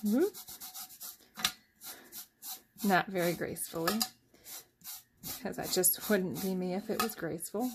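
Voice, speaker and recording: A woman's voice: on the low side, steady tone, moderate pace, pauses often, very noisy. A woman in her thirties hosting a casual, rambling craft tutorial at home, often joking about herself. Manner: chatty, rambling and self-deprecating. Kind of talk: casual step-by-step craft demonstration.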